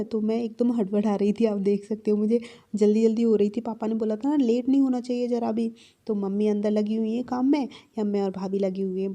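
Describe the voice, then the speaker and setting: A woman's voice: medium pitch, mellow. A young woman narrating her family's festival day in a chatty, affectionate way, laughing now and then. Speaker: vlogger. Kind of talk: casual festival vlog narration.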